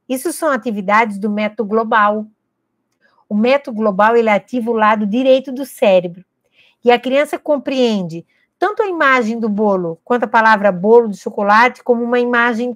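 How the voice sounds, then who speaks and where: With a Brazilian Portuguese accent and a slightly high voice, a Brazilian woman educator delivers an emphatic lesson, asking parents and teachers rhetorical questions and immediately answering them. The recording is close and dry, without any room sound.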